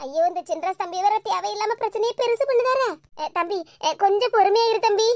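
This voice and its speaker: A woman's voice: very high-pitched, brisk, crowd noise. A woman voicing a worried older mother who keeps trying to make peace, speaking Tirunelveli Tamil. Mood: pleading. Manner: pleading, soothing, fretful asides. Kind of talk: cartoon voice acting.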